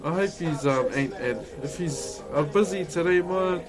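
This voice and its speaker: Speaking at normal speed with a fairly high pitch, a live streamer with a broad New Zealand accent casually answers viewers while music plays. His manner is relaxed and colloquial, full of "bro" and "eh."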